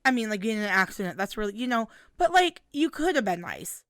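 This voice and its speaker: A woman in her late twenties co-hosting a casual podcast, chatty and quick to laugh. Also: medium pitch, very animated, a bit bright, no room sound, studio quality. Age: late 20s. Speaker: podcast co-host. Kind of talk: casual chat.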